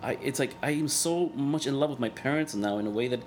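Earnest and thoughtful, a cartoonist and organizer in his thirties, whose native language is Spanish, answers questions as an interview guest, often stopping and starting over. His pitch is medium, and slight hiss or hum is present.

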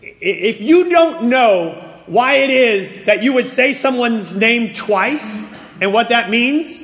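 A man preaching a sermon as pastor, animated, acting out the voices of the figures in the story. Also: very high voice, slow pace. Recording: long hall reverb.

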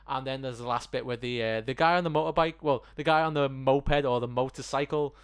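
A man's voice: medium pitch, a little fast, clean tone. A young man co-hosting a casual movie review chat, rambling through plot recaps with lots of fillers. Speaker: podcast co-host.

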